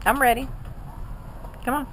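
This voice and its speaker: A grandmother, middle-aged or older, casually coaxes a child through reading with encouragement, exclamations and repeated prompts. Her voice is high-pitched and a bit bright, with a steady tone and measured pace. The low-quality recording carries slight background noise.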